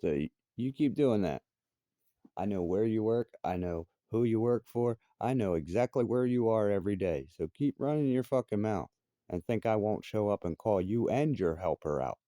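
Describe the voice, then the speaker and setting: A man's voice: lowish voice, expressive, moderate pace, dark tone, no room sound. A man in his thirties giving an angry, profane personal rant. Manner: profane, confrontational, heated. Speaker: vlogger.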